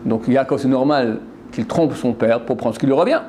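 A man teaching a religious lesson in an animated way, quoting verses, translating them, and asking and answering his own questions. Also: mid-range voice, moderate pace, a little hiss or hum. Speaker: Torah teacher.

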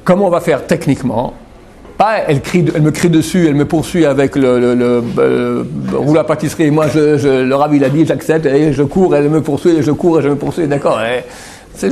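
A man giving a religious lesson to a class and taking questions, animated and often checking in with his listeners. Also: a little high, creaky, a little hiss or hum. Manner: animated, keeps checking in with "d'accord?"; repeats and restarts words while explaining. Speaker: religious teacher.

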